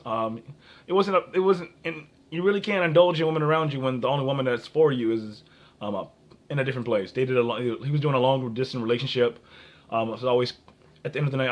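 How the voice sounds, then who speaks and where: A young American man talks off the cuff, handing out advice and personal stories. His delivery is halting and rambling, with phrases broken off and started again. His pitch sits in a middle range for a man. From Minnesota, United States. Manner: halting, often breaks off and repeats phrases. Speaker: dating advice vlogger.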